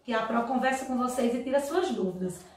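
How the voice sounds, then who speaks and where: Female Brazilian primary teacher, bright and high, recorded from a distance. Slow and patient, with constant check-ins. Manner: slow, stretched-out reading of example words with frequent "tá vendo, ó?" checks. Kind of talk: online class for young children. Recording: echoey room, voice from a distance.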